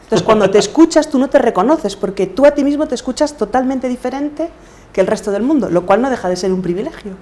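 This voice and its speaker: A middle-aged woman from Galicia, Spain, with a Galician accent, speaks reflectively as an interview guest; she is a podcaster and coach. Her voice is fairly high, lively in intonation, quick and a little mellow.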